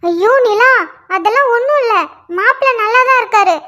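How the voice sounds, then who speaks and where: A woman's voice: very high voice, brisk, pushed and bright. A woman voicing a middle-aged mother who coaxes and reassures her daughter in a cartoon. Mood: soothing. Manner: reassuring, coaxing. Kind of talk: cartoon voice acting.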